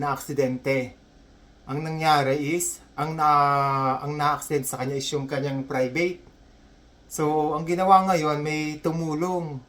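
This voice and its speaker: A man telling a comedy story in a casual, chatty way, repeating himself and dropping his voice low for asides. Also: fairly bright tone. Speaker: comedy joke teller.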